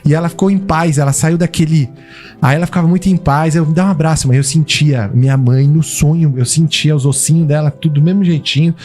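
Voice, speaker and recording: A Brazilian man hosts a faith podcast, moving from personal testimony into fervent evangelistic exhortation. His voice sits a bit high but sounds mellow and warm. Faint music hums behind him. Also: steady tone, fairly quick. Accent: Brazilian Portuguese. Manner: fervent, evangelistic, punctuated with hallelujahs. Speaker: podcast host.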